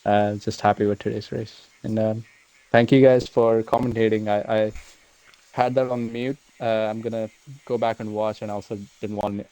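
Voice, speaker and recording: Low, mellow-voiced man in a post-race chat. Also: level tone. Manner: halting, many fillers and restarts. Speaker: sim racing driver, race winner. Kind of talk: casual post-race interview.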